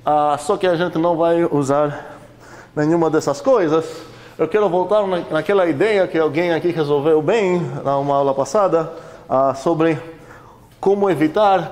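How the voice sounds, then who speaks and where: A man's voice: on the high side, darkish tone. A man lecturing a university class in a conversational way, questioning the students often, with many fillers.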